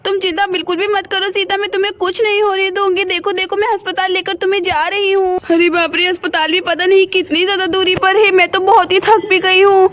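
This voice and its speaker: A worried young mother doll, as a woman puts her on in a homemade doll story, fretting aloud and asking again and again what she should do. The voice sits very high and sounds bright and sharp. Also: level tone, a little fast, few pauses. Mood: anxious. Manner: fretful, keeps asking what to do.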